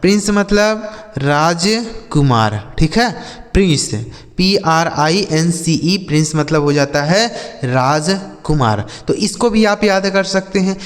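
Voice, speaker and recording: A man's voice: a little high, lively intonation, big-room sound. A man teaching English words one by one, spelling each aloud, asking questions and answering them himself. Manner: slow and deliberate, spells letters and repeats each word. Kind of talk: word-by-word spelling lesson.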